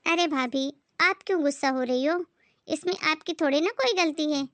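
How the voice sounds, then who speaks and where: A spoiled, snobbish young sister-in-law who drawls her taunts, as a woman acts her out. The voice is high and close, with a dry recording and no room sound. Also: normal speed, a bit bright, no echo. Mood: mocking.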